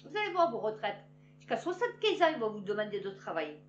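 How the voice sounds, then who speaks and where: A woman reading news headlines aloud and adding sarcastic, animated asides to her viewers. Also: mid-range voice, fast. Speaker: news commentator. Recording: roomy, dull lo-fi with faint hum.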